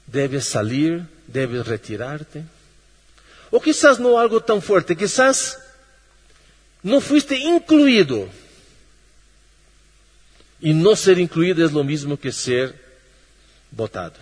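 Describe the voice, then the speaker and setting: A man preaching a sermon slowly, with long pauses, sinking low and soft and then lifting his voice. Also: very animated, husky. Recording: long reverb of a hall.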